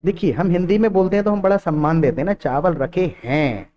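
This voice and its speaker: Man teaching English, dark voice. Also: high-pitched, highs cut off. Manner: switches between Hindi explanation and slow, carefully repeated English example sentences. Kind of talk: spoken English lesson.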